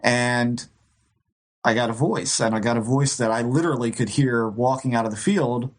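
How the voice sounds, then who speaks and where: A podcast co-host with a mid-range voice speaks at normal speed, telling a ghost-hunting story. His telling is rambling and casual, with frequent restarts and light laughs.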